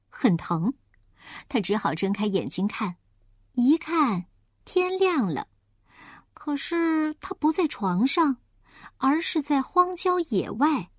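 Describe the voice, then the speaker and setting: A woman narrating a children's storybook aloud with lively, expressive storytelling. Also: fairly high pitch, dry recording, studio quality. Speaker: storybook reader.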